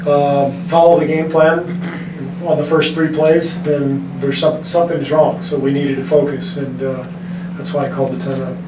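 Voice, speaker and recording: At a press table in front of a team backdrop, a middle-aged basketball coach answers post-game press conference questions in a measured, frank manner, restarting often. His voice is a touch high for a man and narrow in range. A desk mic on a stand picks him up from a distance in an echoey room with steady background noise.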